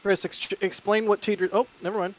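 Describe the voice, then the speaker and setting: A man's voice: high voice, level tone, normal speed, noisy background. A man hosting casual live launch commentary, chatty and often interrupting himself. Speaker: livestream host.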